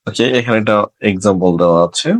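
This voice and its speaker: A man with a Bengali accent teaching English pronunciation, saying each example word slowly and repeating it. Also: on the low side. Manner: slow, drawn-out repetition of each word. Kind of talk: pronunciation lesson.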